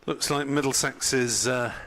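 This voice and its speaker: A man co-commentates on cricket and reads out other scores. His tone is bright and forward, and he speaks in a halting, matter-of-fact way, filling the gaps with uh. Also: mid-range voice, steady tone. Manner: hesitant, lots of "uh", matter-of-fact.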